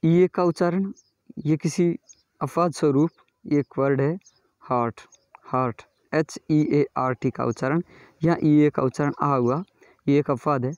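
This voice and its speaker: Slow, patient man teaching pronunciation. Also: fairly high pitch, fairly even intonation, a little mellow, no room sound. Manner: reads word lists slowly, repeating each word. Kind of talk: slow classroom explanation. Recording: dull, lo-fi and dry.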